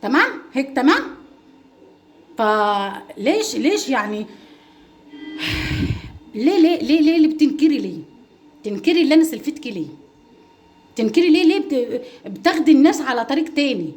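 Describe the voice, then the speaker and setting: A woman's voice: sits high, very animated, moderate pace, long pauses, darkish tone. A middle-aged woman speaking as a mother and home-cooking vlogger, pleading and emphatic as she repeats herself in a livestream reply to critics.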